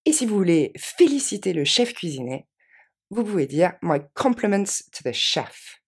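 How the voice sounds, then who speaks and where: A woman teaching English phrases to French speakers, repeating each one slowly and then quickly. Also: lowish voice, big pitch swings, breathy edge. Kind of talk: language lesson with repeated model phrases.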